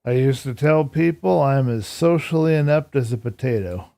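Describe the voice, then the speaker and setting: During a gaming stream, a man with a hoarse voice casually answers his chat aloud, sounding easygoing and reflective; his pitch is medium and his speed normal.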